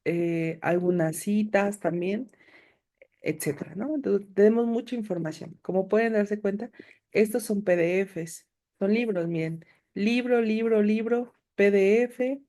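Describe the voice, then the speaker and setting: A woman's voice: mid-range voice, mellow. A woman teaching an online class, patiently walking students through a screen demonstration. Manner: patient, explanatory, direct address to students. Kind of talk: recorded class with screen demo.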